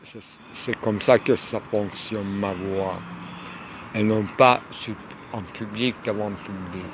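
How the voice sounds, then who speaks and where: A man musing aloud in a rambling monologue, hesitant and full of pauses and fillers, outdoors near a tunnel. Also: lowish voice, fairly even intonation. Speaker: lecturer. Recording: loud traffic noise behind.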